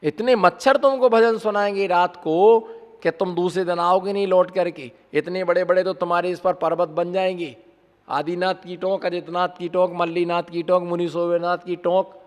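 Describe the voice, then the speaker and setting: A man's voice: high voice, level tone, moderate pace. A man, a Jain monk, giving a conversational sermon full of rhetorical questions to his listeners. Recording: long hall reverb.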